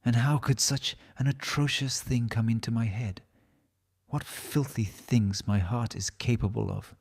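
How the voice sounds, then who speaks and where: A man's voice: medium pitch, steady tone, a little slow, gravelly, a little mellow, breathy edge. A man with a Russian accent voicing an agitated, self-loathing, brooding man in an audiobook, in exclamatory, hesitant self-talk. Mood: disgusted, agitated.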